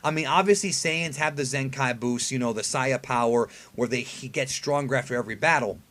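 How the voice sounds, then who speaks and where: Speaking fairly quickly in a mid-range, slightly bright voice, this man hosts an anime review video. His take on the episode preview is relaxed and chatty fan commentary, full of emphasis and rhetorical questions.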